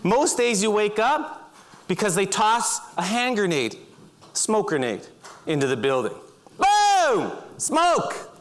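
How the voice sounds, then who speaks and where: A middle-aged man telling vivid second-person stories on a stage, breaking into loud shouts. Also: high voice, very animated, a little slow. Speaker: speaker. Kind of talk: storytelling talk. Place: auditorium stage.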